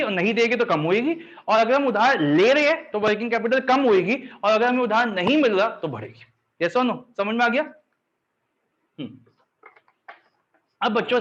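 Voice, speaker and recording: A man's voice: high voice, fairly bright tone, dull audio. A man teaching a live revision class, often checking that students follow and drilling them with call-and-response recitation.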